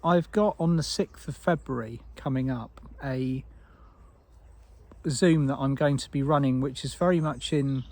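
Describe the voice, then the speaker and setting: A man giving an unscripted spiritual talk as a teacher, soft and meandering with frequent restarts. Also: mid-range voice, measured pace.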